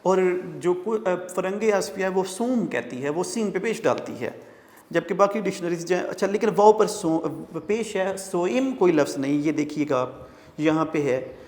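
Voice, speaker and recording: A male teacher lecturing, who explains word meanings and pronunciation step by step and often pauses on fillers. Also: sits high, expressive, darkish tone, long reverb tail. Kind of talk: classroom lecture explaining an Urdu text.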